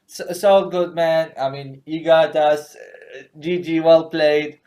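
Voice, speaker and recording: Man doing a jittery young terrorist guy, panicky and pleading, a bit high. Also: fairly even intonation, slow pace, a little mellow. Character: nervous young male terrorist.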